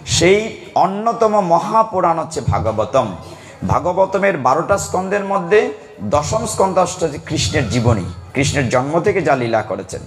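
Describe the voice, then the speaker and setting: A man's voice: a little high, normal speed. A man preaching a devotional sermon to a gathering, asking the audience questions and calling for responses. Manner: animated, asks the audience questions and calls for responses. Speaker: kirtan preacher.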